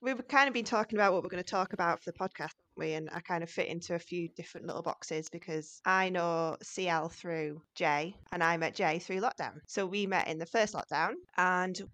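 A woman's voice: lowish voice, brisk, few pauses, fairly bright tone, no echo. A woman from Cumbria with a Cumbrian accent, chatting casually as a podcast co-host. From Barrow, Cumbria. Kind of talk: casual chat.

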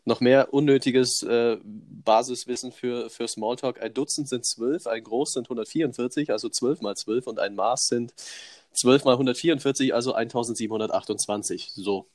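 A man's voice: medium pitch, normal speed, a little mellow, no room sound. A young man co-hosting a podcast in casual chat, trading dry jokes and laughing along. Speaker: podcast co-host.

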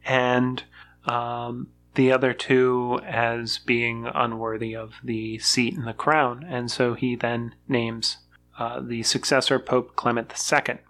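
A podcast co-host reading a history summary aloud in an even, casual way, with occasional fillers. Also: mid-range voice, slow.

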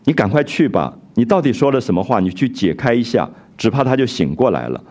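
A man's voice: medium pitch, very animated, a little fast, a little mellow. A man reading as a frail, despairing young girl. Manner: read out plainly in retelling.

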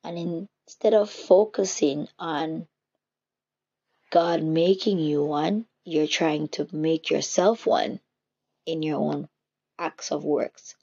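A woman's voice: low-pitched, steady tone, takes it slowly, mellow, slightly rough. A woman giving a casual spiritual teaching, reflective and searching for her words as she goes. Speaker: faith teacher. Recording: dull lo-fi recording.

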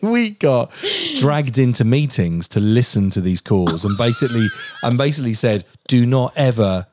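A man's voice: medium pitch, sing-song, normal speed, a little mellow, a little hiss or hum. A man in his forties with a southern English accent, co-hosting a casual podcast chat, rambling and swearing as he talks. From England. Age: 40s. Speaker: podcast co-host.

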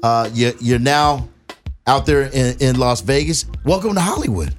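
A man's voice: mid-range voice, animated, moderate pace, faint music behind. A man hosting a radio talk show from a studio, upbeat and laughing, with frequent hesitations.

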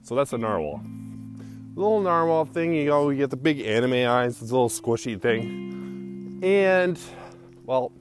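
A young man hosts his own solo podcast, telling casual stories while walking outside. His medium-pitched voice is sing-song and unhurried, with long pauses, and he rambles, fills his speech with "like," and laughs often. Guitar music plays in the background.

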